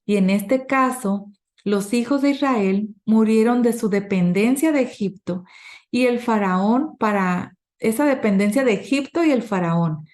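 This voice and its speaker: A woman teaching a weekly Bible study class, explaining verses slowly and patiently, with small restarts and fillers as she goes. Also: mid-range voice, a little mellow.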